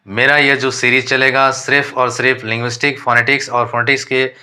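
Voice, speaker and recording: A man with an Indian accent teaching a lesson, reading English definitions slowly and explaining them in Hindi with questions to the learners. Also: medium pitch, flat delivery, pushed and bright.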